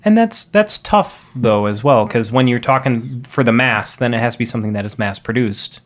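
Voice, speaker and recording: Very deep-voiced, wry podcast woman. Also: animated, normal speed. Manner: wry, takes charge of breaks. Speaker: podcast co-host. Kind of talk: casual chat.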